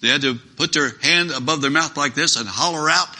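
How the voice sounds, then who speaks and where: A man's voice: fairly high pitch, fairly quick, sharp tone. A man preaching a sermon, earnest and emphatic, repeating phrases for stress.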